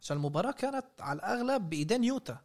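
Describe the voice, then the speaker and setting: A man's voice: high-pitched, sing-song, very fast. A man with a Palestinian Arabic accent giving casual sports analysis as a podcast panelist.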